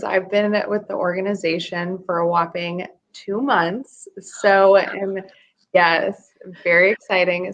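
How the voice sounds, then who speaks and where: A woman introducing herself as a development manager on a video call, bubbly and enthusiastic. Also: on the low side. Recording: dull lo-fi video call audio.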